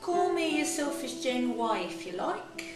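An actress playing a flippant young adult daughter who puts on a mock Cockney accent. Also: female voice, high voice, expressive, a little slow, reverberant, music in the background. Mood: wheedling.

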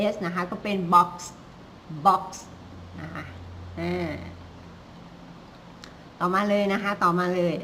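A woman with a bright, clear voice leads a live phonics lesson, drilling letter sounds one at a time. She speaks slowly and patiently, repeating each sound again and again, with faint noise behind her. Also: medium pitch, rough recording. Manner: slow, repetitive drilling of sounds with polite Thai particles. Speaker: English phonics teacher.

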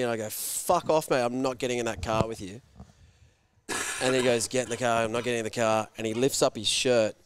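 A man with a medium-pitched voice, with a little hiss or hum on the audio, tells a story casually as a guest. He's animated, swears freely, and voices the people involved, shouting their quotes.

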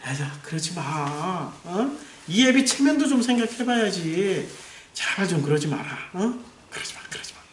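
A man's voice: sits high, very animated, moderate pace, a little hiss or hum. A man voicing an aging male priest who pleads and apologizes in a wheedling, coaxing way. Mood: pleading. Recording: roomy echo, distant mic.

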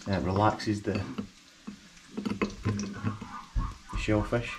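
A young man with a New Zealand accent talks casually in a home kitchen, relaxed and chatty, often repeating a word as he goes. It is a home video caught on an action camera, with a steady background hum. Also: fairly low pitch, extremely slow. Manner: relaxed, chatty, repeats words while explaining. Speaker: vlogger. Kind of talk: casual cooking walkthrough.

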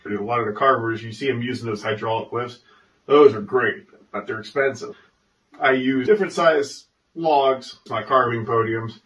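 A man's voice: mid-range voice, normal speed, a bit bright. A man hosting his own carving channel, opening a vlog with dry, sarcastic humor and a chatty, filler-heavy way of talking. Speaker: chainsaw carver, channel host. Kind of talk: casual vlog intro. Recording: distant, dull sound.

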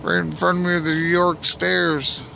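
The vlogger's voice is high and sharp, with vocal fry and a flat, unhurried delivery as he chats informally about his night magnet fishing outing. He stands on a bridge walkway outdoors, filming on a phone or camera held in his hand, and the recording is noisy with a constant hum.

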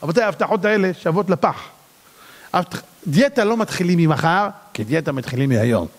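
A man, a rabbi, preaching a dramatic sermon, swinging between loud cries and low asides. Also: expressive. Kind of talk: sermon to a congregation. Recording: long hall reverb.

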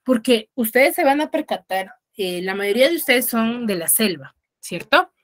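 A woman's voice: fairly high pitch, animated, normal speed. Peruvian woman teaching an online class. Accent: Peruvian Spanish, Huaraz. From Peru. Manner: explanatory, often checks with students by asking "¿cierto?" and "¿ya?". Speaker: secondary school language teacher. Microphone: video call.

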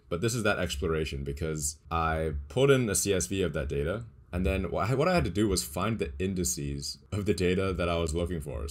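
Young guy, really low voice, chill code walkthrough, kinda thinking out loud. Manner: relaxed, explanatory, thinks aloud with small restarts. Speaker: data science tutorial creator. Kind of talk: casual screen-share walkthrough.

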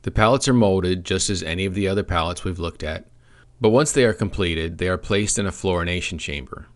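Male product trainer with a deep voice, reading a script with dry, deadpan humor. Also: fairly quick.

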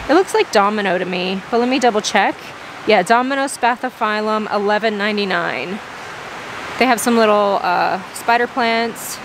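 A young woman vlogging a plant shopping trip in a large greenhouse nursery, gushing over plants and reading the prices aloud. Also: on the high side. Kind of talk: excited plant-shopping vlog. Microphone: handheld phone camera. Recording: steady background noise.

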